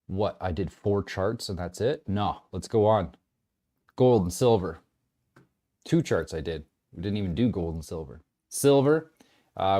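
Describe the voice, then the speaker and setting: Lower-voiced man rambling about markets. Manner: rambling, animated, often restarts. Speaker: market commentator. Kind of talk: casual trading commentary.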